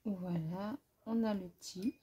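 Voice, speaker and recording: This art vlogger's voice is mid-range, slow, mellow, and a bit rough. She swatches watercolors while chatting casually about her art-supply haul, self-deprecating and chatty, voicing her thoughts and poking fun at herself.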